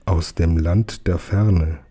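A man voicing an ancient male spirit freed from a bottle, speaking slowly and solemnly in an audiobook reading. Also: low voice, fairly even intonation, warm tone, husky, heavily acted. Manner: slow, solemn and resounding.

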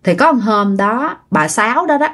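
A woman with a fairly high voice telling a story in a chatty, casual way. She talks straight to her listeners as she goes. She keeps to an easy, conversational delivery. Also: animated, normal speed, a bit bright. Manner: chatty, addresses listeners directly.

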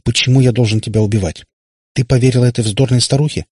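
A man voicing a grumpy, hot-tempered man who grumbles but softens quickly. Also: medium pitch, steady tone, no room sound, studio quality, close to an everyday voice. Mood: irritated. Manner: gruff, grumbling.

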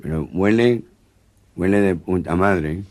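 A man voicing a nasal, envious builder who complains slowly and grumbles, on an old cassette joke tape. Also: low-pitched, darkish tone.

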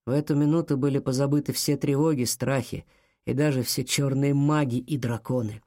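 A man narrating a children's adventure audiobook in a measured storytelling delivery. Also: mid-range voice, steady tone, dark tone, dry recording, studio quality.

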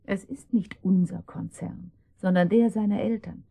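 A torn, unhappy young wife and mother in a radio drama. Her voice sits at a middle pitch, and she falters and drops into breathy whispers. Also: steady tone, normal speed, mellow. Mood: wistful.

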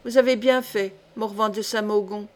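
A woman's voice: mid-range voice, steady tone, normal speed, darkish tone, natural voice. Woman reading a proud, commanding countess. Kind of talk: audiobook character reading.

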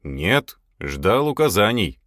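A man's voice: on the low side, big pitch swings, slow pace, a bit bright, no echo, studio quality, heavily acted. A man voicing a dutiful male sheriff who reports plainly to his boss.

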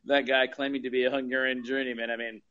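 A man's voice: medium pitch, little pitch movement, fast talker, pushed and bright, lo-fi sound. A man in a casual group chat, talking hesitantly with many fillers. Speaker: podcast panelist.

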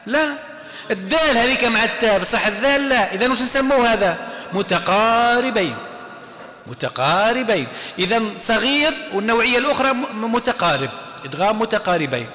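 A man's voice: high-pitched, expressive, a little fast, bright, forceful tone. A man with an Algerian Arabic accent teaching a class, asking questions and answering them himself, repeating each term. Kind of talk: classroom lesson. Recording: echoey hall reverb.

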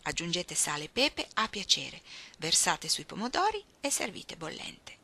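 A woman reading a novel aloud as scripted narration, clear and expressive. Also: on the low side, moderate pace. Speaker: audiobook reader.

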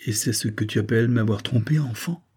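A man's voice: mid-range voice, a little fast, darkish tone, slightly rough, close to an everyday voice. A man voicing an elderly aristocratic general, a father moved by his daughter, in an audiobook. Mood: astonished. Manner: exclaiming, tremulous.

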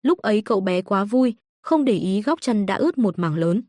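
A woman narrating an audio novel in a steady, even storytelling manner. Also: mid-range voice, moderate pace, no echo, studio quality.

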